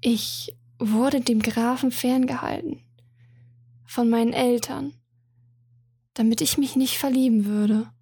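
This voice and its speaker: A woman voicing a proud but troubled young princess who speaks quietly and in a murmur, in a storybook reading. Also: a little high, steady tone, slow, pauses often, breathy edge, no echo, clean studio sound, full character voice.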